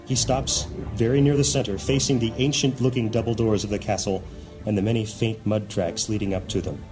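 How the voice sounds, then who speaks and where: A man's voice: fairly low pitch, steady tone, fairly quick, music in the background. A man narrating a scripted fantasy audio drama in a solemn, descriptive manner.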